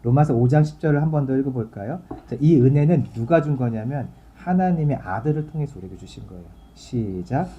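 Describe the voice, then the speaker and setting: A man's voice: mid-range voice, expressive, brisk, few pauses, mellow, lo-fi sound. A male pastor giving a sermon in a conversational, explaining way, reading scripture aloud and then talking it through for his congregation.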